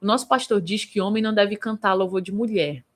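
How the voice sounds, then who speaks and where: A woman's voice: mid-range voice, fairly quick. A woman vocal coach in Brazil, teaching a live singing lesson and answering viewers by name. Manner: lively, demonstrative, breaks into vocal examples.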